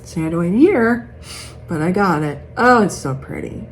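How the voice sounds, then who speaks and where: A cross-stitch vlogger chats casually to camera, gushing and thinking out loud as she shows off her patterns. Her voice sits fairly low, animated and at a normal speed. The room's background noise is clearly audible.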